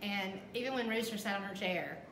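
A woman's voice: mid-range voice, brisk, reverberant, noisy background. A middle-aged woman in heartfelt casual chat as an interviewed mother. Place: small lamp-lit room.

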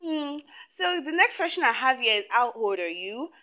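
Young woman vlogger from Nigeria, about twenty, sharp and bright voice, talkative and animated, lapel mic, slightly muffled. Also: sits high, moderate pace. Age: 20s. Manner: chatty, animated, laughs often. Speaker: YouTuber. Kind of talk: casual chat to camera. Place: small indoor room.

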